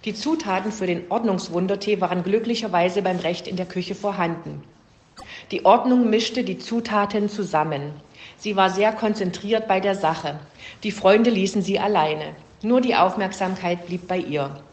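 A woman reads a fable aloud in steady storybook narration. Her pitch sits in a middle range. A roomy echo surrounds her voice. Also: normal speed. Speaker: reader.

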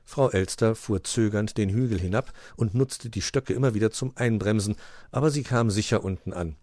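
A man's voice: fairly low pitch, normal speed, no echo. A man reading a rhyming children's animal story aloud and giving each creature its own voice. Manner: lively storyteller voicing many animals. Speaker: narrator.

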